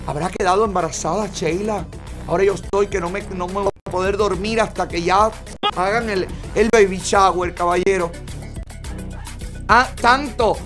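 Guy hosting a gossip show, reads chats out loud, super theatrical, lots of dramatic exclamations, faint music behind. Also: high voice. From Cuba. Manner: flamboyant, theatrical, with frequent exclamations. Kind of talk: reading chats aloud with commentary.

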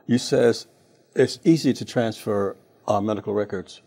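A man hosts a local TV interview, putting brief questions and chiming in with affirmations. His voice is dark and husky. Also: lowish voice, moderate pace. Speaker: TV talk show host.

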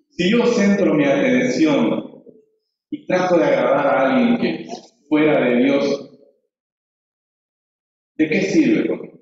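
A man's voice: mid-range voice, slow, long pauses, a little mellow. Man preaching in an echoey church. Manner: conversational, acts out children's voices. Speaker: Sunday school preacher. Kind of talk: church teaching. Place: church hall. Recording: echoey, distant, dull church audio.

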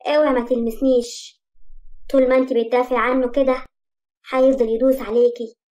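An icy, sardonic rich young man speaks in a flat, cutting tone, as a woman with an Egyptian accent reads his lines. The voice sits high yet sounds dark and mellow, as in a spoken storybook. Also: a little fast, close to an everyday voice. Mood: harsh.

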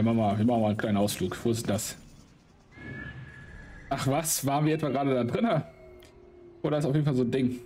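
A man giving excitable, slangy casual commentary while he plays a game, swearing often. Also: medium pitch, slight background noise. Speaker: let's play host.

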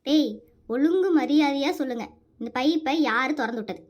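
A woman's voice: sits high, moderate pace, muffled recording, natural voice. A woman voicing a fed-up scolding cartoon mom. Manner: scolding, sharp-tongued. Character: strict scolding mother, fed up.

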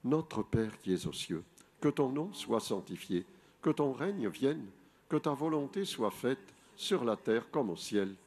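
A man in his sixties, a priest, leading the rosary and a spoken meditation in slow, measured recitation at an outdoor grotto, speaking into a lectern mic. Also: medium pitch, animated, darkish tone, slightly rough. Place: outdoor rock grotto shrine. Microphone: boom mic on a lectern.

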